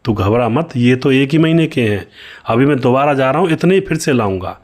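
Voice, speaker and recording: A man's voice: mid-range voice, expressive, brisk, darkish tone, lightly acted. A man voicing an earnest, devoted young son from a village, speaking in a reassuring way while telling a story.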